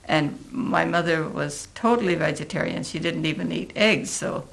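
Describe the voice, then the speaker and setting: Reflecting on her past for an oral history, an Oregon woman in her eighties talks in a low, gravelly, creaky voice. Her delivery is slow and considered, broken by thoughtful pauses.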